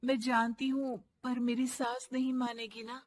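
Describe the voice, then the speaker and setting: A woman voicing a meek young daughter-in-law in a cartoon story, with a high, pleading, teary manner. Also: little pitch movement, unhurried, no room sound. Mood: anxious.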